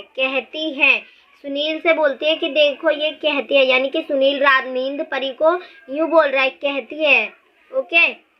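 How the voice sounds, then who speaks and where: A young woman teacher who reads lines from a story aloud and then explains them in simple words. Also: high voice. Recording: dull lo-fi sound.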